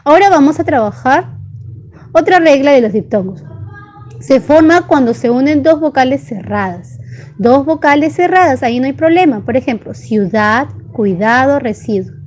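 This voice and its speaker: A woman teacher giving an online grammar lesson, patient and slowing down to sound out syllables. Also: high voice, lively intonation, darkish tone, a little hiss or hum. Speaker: primary school teacher.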